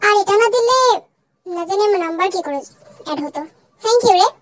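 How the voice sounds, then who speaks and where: A woman's voice: extremely high pitch, animated, brisk. A young woman voicing a shy, nervous college girl who stammers when flustered, in a fan dub drama. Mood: sheepish.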